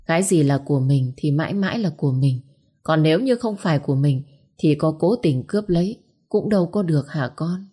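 Woman reading a weary single mother, stern yet loving; low, dark, husky tone. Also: a little slow. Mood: soothing. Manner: comforting, turns hard when bitter.

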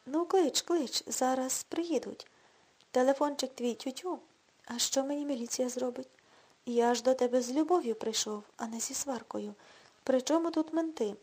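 A woman's voice: high-pitched, darkish tone, husky. A woman reading the lines of a drunken, boastful washed-up middle-aged man who talks in a pushy, self-assured, coaxing way.

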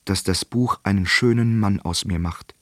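A man's voice: fairly low pitch, normal speed, fairly bright tone, no room sound, studio quality. A man voicing a remorseful young servant who pleads and apologizes tearfully. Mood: sobbing.

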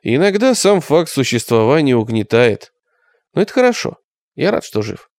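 A man reading a haunted middle-aged survivor who speaks low and unhurried, his words drawn out and heavy as he sinks into brooding. The sound is close and dry, with no room around it. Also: very animated, no room sound, natural voice. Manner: quiet, brooding, slow. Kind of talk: audiobook character reading.

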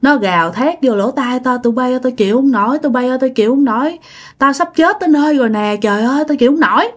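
A woman's voice: high voice, fast talker, pitched above the performer's own voice. Woman narrator doing a frail, scared old great-grandma, Southern Vietnamese accent, repeats her pleas; folk ghost story. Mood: anguished. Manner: repetitive, pleading exclamations.

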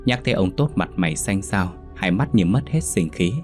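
Deep-voiced male ghost story narrator. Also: animated, normal speed, soft background music.

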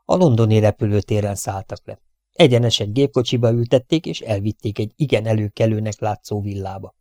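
A man narrating a novel as an audiobook reader, in a steady storytelling manner. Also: lowish voice, dry recording, studio quality. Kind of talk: scripted narration.

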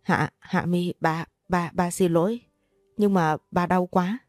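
A woman's voice: lowish voice, steady tone, darkish tone, dry recording, clean studio sound, soft background music. A woman voicing a dying father who stammers a weak apology. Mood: anguished. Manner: halting, stammering.

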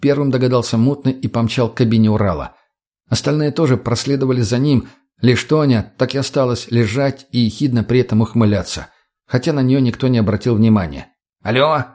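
Guy narrating a gritty audiobook, steady, mid-pitched voice. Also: brisk. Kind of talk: scripted narration.

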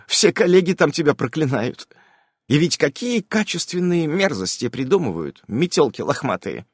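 A man's voice: fairly high pitch, very animated, normal speed, slightly rough, no echo, studio quality, pitched above the performer's own voice. A man reading an audiobook, voicing a worried, protective witch mother who fusses and complains. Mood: irritated. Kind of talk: audiobook character voice.

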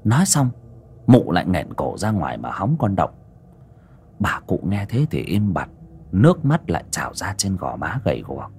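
A man narrating a ghost story in an expressive storytelling way. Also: sits low, normal speed, slight background noise. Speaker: audiobook narrator.

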